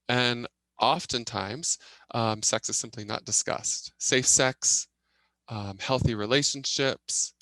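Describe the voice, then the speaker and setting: A man working as an interpreter, giving simultaneous interpretation of a signed presentation in halting phrases delivered in short bursts. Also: mid-range voice, bright, forceful tone, dry recording, poor audio. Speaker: sign language interpreter voicing a deaf presenter.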